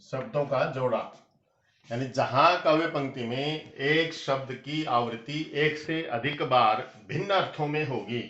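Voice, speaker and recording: A man teaching a grammar lesson for exam preparation, explaining step by step and slowing down to recite lines of verse. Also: mid-range voice, a bit bright. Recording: echoey room, dull lo-fi sound.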